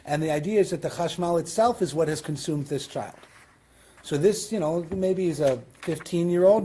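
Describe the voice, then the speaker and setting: A rabbi with a Western New York accent teaches a Talmud class in a synagogue classroom, explaining conversationally with questions and asides. His male voice is on the high side, mellow and husky.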